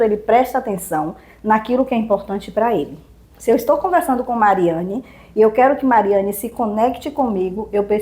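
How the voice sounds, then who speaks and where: A woman's voice: medium pitch, a little mellow. A woman with a Brazilian accent, a public speaking trainer giving didactic interview answers with rhetorical questions. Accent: Brazilian Portuguese. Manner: didactic, lists points and poses rhetorical questions.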